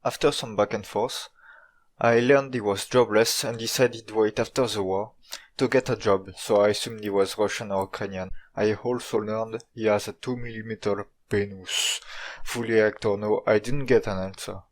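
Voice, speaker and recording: A man with a French accent narrates a video story in a fairly low voice. His delivery is informal, dry and tongue-in-cheek, as befits a native French speaker telling his tale in English. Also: steady tone, normal speed. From France.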